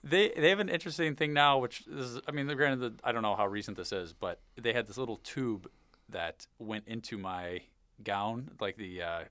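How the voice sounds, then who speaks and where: A man's voice: mid-range voice, normal speed, sharp tone, no echo. A man hosting a casual podcast, chatting and telling personal stories in a congested, nasal voice as if his nose were packed. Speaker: podcast host. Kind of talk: casual chat, personal anecdote.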